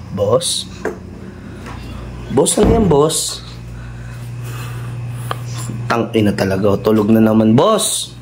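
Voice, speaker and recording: A man's voice: on the high side, a little mellow, a little hiss or hum. A man acting, saying "boss" in nearly every line, mock-polite and then swearing. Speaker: comedy skit creator. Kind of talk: comedic skit acting.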